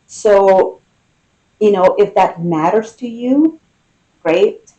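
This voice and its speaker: A tarot reader with a mellow, relaxed voice gives an intimate, conversational reading. The delivery is slow and musing, broken into short phrases with unhurried pauses. The pitch sits in a middle range. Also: rough recording.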